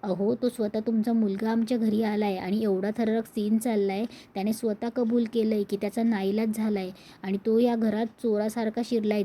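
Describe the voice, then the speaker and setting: A woman's voice: mid-range voice, warm tone, a little hiss or hum, natural voice. A woman reading as a sly meddling gossip. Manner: provoking, sly.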